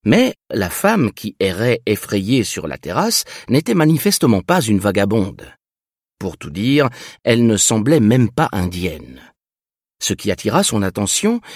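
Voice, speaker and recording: A man reading a novel aloud as narrator, in an expressive, measured way. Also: fairly low pitch, no room sound, studio quality. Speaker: audiobook narrator. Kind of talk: scripted narration.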